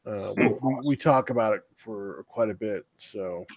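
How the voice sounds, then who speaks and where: A man's voice: lowish voice, a little slow, a crowd in the background, poor audio. A man chatting casually as a streamer, rambling conversationally and often trailing off. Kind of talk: casual chat on a livestream.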